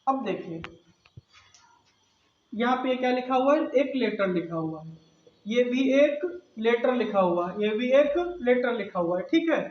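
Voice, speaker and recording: A man with a Hindi accent leads a grammar lesson in a very high voice, stopping over and over to ask his class questions. The room throws his voice back, and the sound is dull and lo-fi. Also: lively intonation, unhurried, long pauses, echoey room. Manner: explains step by step with repeated rhetorical questions. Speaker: English grammar teacher.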